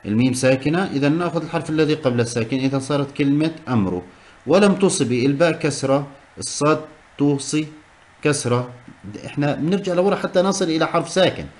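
A man's voice: a little high, very fast, a little mellow. A man teaching a class, explaining step by step and repeating key terms. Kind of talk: classroom lesson on Arabic prosody.

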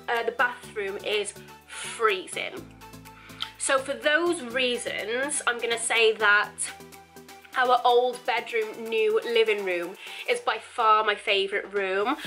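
A young woman with a fairly high, sharp-toned voice answers viewer questions about her home renovation in a casual Q&A vlog. She's chatty and upbeat, rambling and restarting sentences, filmed indoors at home with virtual backdrops.

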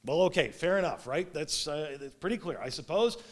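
A man in his thirties preaches a sermon in a small church sanctuary, his voice sitting high for a man and leaping around with lively expression. He gestures as he speaks and swings between loud emphatic bursts and soft, dropped endings. The camera catches him from a middle distance. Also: brisk. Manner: gestures while preaching standing up. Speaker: pastor. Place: small church sanctuary with stone fireplace, indoors.

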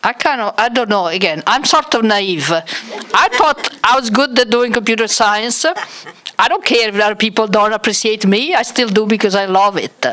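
A woman's voice: medium pitch, normal speed, fairly bright tone. Frank, self-assured woman panelist.

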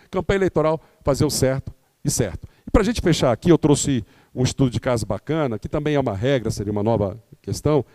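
A man's voice: medium pitch, mellow, no room sound. A Brazilian man giving an explanatory lecture on campaigns to candidates, with many fillers and tag questions. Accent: Brazilian Portuguese.

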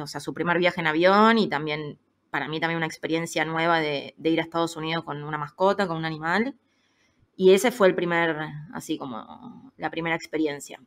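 Lively Argentine woman with a lowish voice. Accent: Argentine Spanish. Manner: lively, acts out quoted voices. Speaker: podcast guest. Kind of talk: casual storytelling chat.

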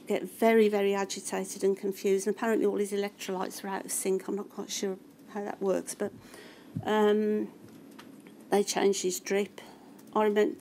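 Mellow-voiced woman giving witness testimony. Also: medium pitch, slight background noise. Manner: halting, with frequent restarts and fillers; acts out others' words in a raised voice. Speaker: inquiry witness. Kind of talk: giving testimony at a public inquiry.

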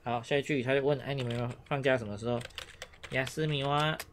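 A man walks beginners through a Japanese lesson at an even, middle pitch. He explains patiently, repeating words and dropping frequent "oh" fillers. Faint noise and keyboard clicks sit behind his voice. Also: rapid-fire. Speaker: Japanese teacher. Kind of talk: online language lesson.

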